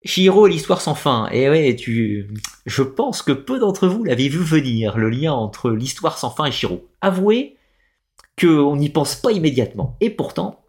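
A man's voice: a little high, very animated, measured pace, darkish tone. A man hosting a live stream, explaining at length and answering viewers' chat comments, often hesitating and restarting his sentences. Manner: digressive explainer with frequent hesitations.

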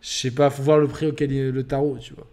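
A man's voice: mid-range voice, quick pace. A man hosting a casual gaming podcast, rambling with many fillers. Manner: rambling, lots of fillers, gets excited and laughs. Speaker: podcast host.

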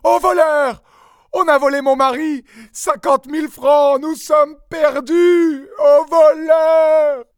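A man voicing a panicked middle-aged wife, frantic and shrill, sobbing as she cries out. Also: fairly even intonation, slow pace, dry recording, clean studio sound. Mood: shrieking.

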